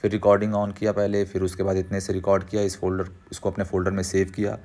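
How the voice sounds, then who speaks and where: A man's voice: low voice, monotone, fast, darkish tone. A young man chatting casually over gameplay, sharing tips in an advice-giving way with frequent restarts. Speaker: mobile gaming creator.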